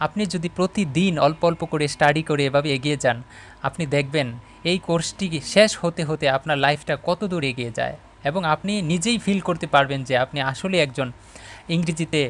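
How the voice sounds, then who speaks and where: A man from Bangladesh teaching English in an online video lesson, talking straight to his students and checking often that they follow. When he reads English passages aloud, he slows right down and takes them word by word. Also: on the high side, a bit bright. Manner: talks to viewers as students, often asking "all right?".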